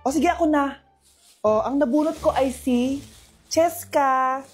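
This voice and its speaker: Brief: a woman playing mock-sweet young girlfriends, hushed and teasing, comedy ad. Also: high-pitched, measured pace, soft background music, pitched below the performer's own voice. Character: catty young women friends at a gift swap.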